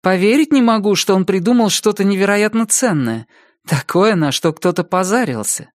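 Wary, defensive woman voiced by a male reader; lively pitch, dry close sound. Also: normal speed, no room sound. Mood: guarded, doubtful. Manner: doubtful, defensive, raised voice. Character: wary middle-aged woman, widow of sorts, guarded. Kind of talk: audiobook character voice.

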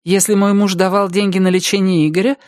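A man's voice: high-pitched, little pitch movement, quick pace, no echo, clean studio sound, pitched above the performer's own voice, lightly acted. A man reading an audiobook, voicing a wary, defensive middle-aged woman in a raised voice. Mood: guarded, doubtful. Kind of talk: audiobook character voice.

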